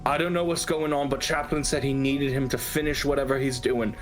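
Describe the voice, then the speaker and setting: A man's voice: medium pitch, fairly even intonation, a little fast, faint music behind, natural voice. A man voicing a cowardly male crossbow guard who surrenders, talking in a frantic, pleading way.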